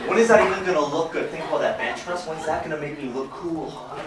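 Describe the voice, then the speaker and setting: A man's voice: a little high, fast, far from the mic, background noise. A man performing a crude, brash stand-up comedy set on a club stage. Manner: brash, crude, animated storytelling. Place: comedy club stage before a live audience. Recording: roomy club sound from off-mic, loud crowd laughter.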